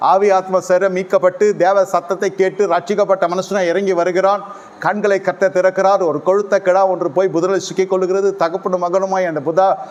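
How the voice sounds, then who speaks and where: High-voiced man preaching emphatically. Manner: emphatic preaching that repeats key phrases. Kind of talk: sermon.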